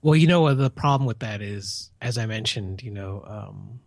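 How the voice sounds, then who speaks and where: A man's voice: lowish voice, animated, moderate pace, vocal fry, no room sound, studio quality. A man reviewing a film in casual chat, rambling and peppering his talk with "you know".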